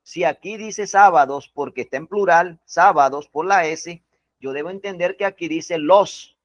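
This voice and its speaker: A man's voice: on the high side, no echo. A male English teacher teaching a class, repeating and stressing each word and asking students to confirm. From Colombia. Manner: slow, repetitive, stresses words one by one. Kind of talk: classroom lesson.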